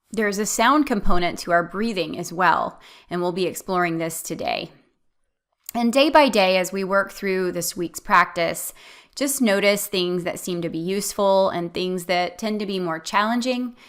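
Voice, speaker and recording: A woman leading a guided meditation as an instructor, speaking in a gentle, soothing, instructional way. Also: mid-range voice, normal speed.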